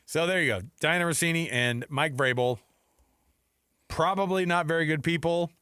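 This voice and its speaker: On a sports radio show, an American co-host with a fairly high, sharp, clean-toned voice talks at a moderate pace. He banters jokily and conversationally through the news, acting out imagined quotes, in clean studio sound with no room sound.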